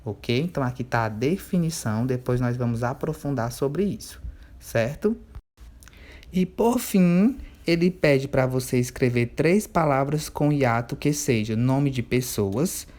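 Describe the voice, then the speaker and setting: A man's voice: medium pitch, darkish tone. Patient male teacher stretching out words. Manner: patient, checks in often, stretches words slowly when spelling out syllables. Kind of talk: remote workbook lesson for children.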